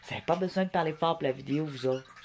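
A woman's voice: low voice, racing, darkish tone. A woman with a Québécois French accent, casually chatting and joking as she reads a paint label aloud for a craft video at home. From Canada. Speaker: craft vlogger. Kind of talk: casual product review. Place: home, with a noisy pet bird.

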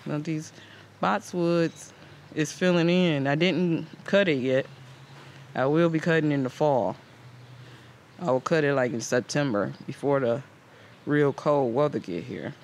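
This host of a home gardening channel speaks at a measured pace, his voice on the high side, often leaving long pauses. He rambles conversationally through a relaxed garden tour, shot outside with a handheld camera whose built-in mic catches the outdoor background sound.

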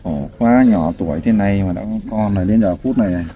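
Male host, warm low tone, coaxing, sighing interviewer; light background noise. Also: quick pace. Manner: prompting, sympathetic, sighs often. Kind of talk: street interview, casual and caring.

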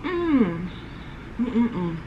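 A woman's voice: on the high side, big pitch swings, very slow, highs cut off, noisy background. Woman talking with mouth full. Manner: chatty, addresses viewers as y'all. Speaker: mukbang vlogger. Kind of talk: casual eating-show chat. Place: outdoors in sunlight.

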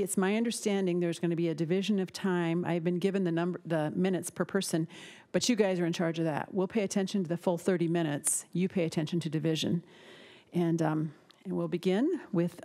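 A woman's voice: fairly low pitch, steady tone, brisk, mellow. A woman in her fifties presiding over a court and formally opening the session. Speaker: chief justice presiding. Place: large courtroom. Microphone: gooseneck bench microphone.

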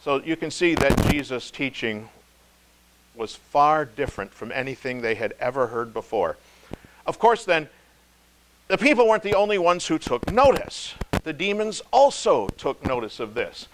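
Emphatic pastor man, slightly high voice. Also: sing-song, background noise. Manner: emphatic, slow stress on key words, wide swings in loudness. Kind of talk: devotional sermon.

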